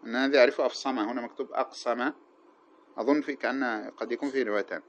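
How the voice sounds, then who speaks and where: A man teaching grammar. He quizzes his class with a drawn-out "what?", answers himself, and chants the quoted verses slowly. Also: mid-range voice, steady tone, a little hiss or hum. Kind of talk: classroom explanation of a grammar text. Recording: dull lo-fi recording.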